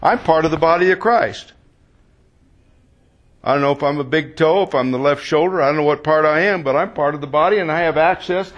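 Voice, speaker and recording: A man's voice: a little high, brisk, muffled recording. A man preaching a sermon in a conversational way, often asking the congregation questions and repeating words as he searches for phrasing.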